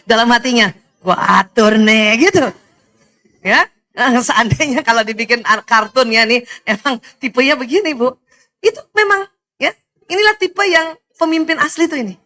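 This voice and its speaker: A middle-aged woman from Indonesia giving a lively religious talk to women, animated, often laughing and speaking straight to her listeners. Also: high-pitched, normal speed. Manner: animated, laughs often, addresses audience directly.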